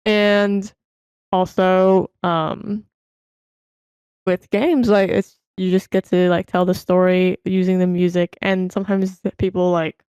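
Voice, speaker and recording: A woman's voice: fairly low pitch, level tone, takes it slowly, darkish tone, clear, resonant tone, dry recording. A woman opera singer chatting casually as a guest, thoughtful and hesitant, with many fillers. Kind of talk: casual reaction chat.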